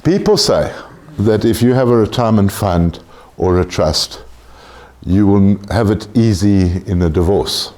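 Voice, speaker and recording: A man's voice: lowish voice, expressive, unhurried, darkish tone. A man lecturing a class on tax, blunt and joking, swearing casually.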